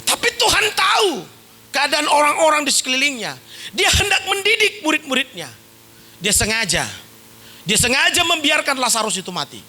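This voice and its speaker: A man's voice: very high-pitched, normal speed. A male pastor preaching a sermon, telling stories with mimicked sounds and often raising his voice for emphasis. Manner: animated storytelling with sound effects and shouted emphasis.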